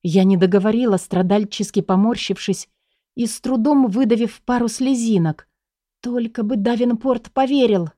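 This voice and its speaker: A woman calmly narrating a story in the first person. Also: on the high side, moderate pace, no room sound, studio quality. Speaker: audiobook narrator.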